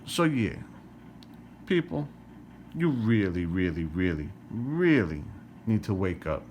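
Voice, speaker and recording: A middle-aged New Jersey man rants to the camera as a vlogger, exasperated, firing off rhetorical questions and repeating himself. His voice is on the low side, sing-song, slow and a little mellow, with slight background noise.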